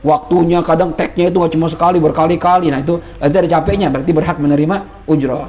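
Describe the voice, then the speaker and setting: Higher-voiced man teaching a casual religious lesson. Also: racing. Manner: explains Arabic text phrase by phrase in relaxed Indonesian, jokes and laughs. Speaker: Islamic jurisprudence teacher.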